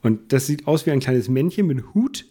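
A man's voice: medium pitch, expressive, moderate pace, dark tone. A man, a podcast guest, explaining things at length in casual chat, with many restarts and fillers.

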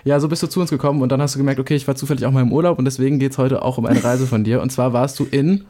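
A man's voice: mid-range voice, fairly even intonation, racing, dark tone. A young man co-hosting a podcast in casual chat, chatty and teasing. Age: young adult. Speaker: podcast co-host.

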